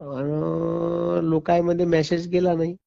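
Man, gravelly voice, firm lecturing tone, over a landline phone, dull muffled line. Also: fairly high pitch, little pitch movement, slow pace, mellow. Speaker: academy teacher. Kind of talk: argumentative phone call.

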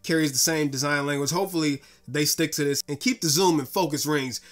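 A slightly hoarse man giving a casual, enthusiastic camera lens review in a direct, slangy way. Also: on the high side, a little fast.

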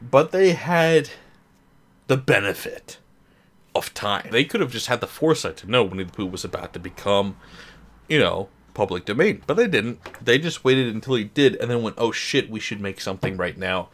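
A man's voice: mid-range voice, animated, normal speed. A man in his thirties reacting to and reviewing a film casually, tipsy, sarcastic and prone to swearing. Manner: tipsy, as if drinking while talking. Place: small home room, desk setup.

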